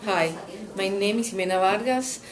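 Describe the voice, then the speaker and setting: A woman's voice: mid-range voice, normal speed, a crowd in the background, poor audio. A woman from Colombia giving a hesitant testimonial to camera, with many fillers. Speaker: course participant.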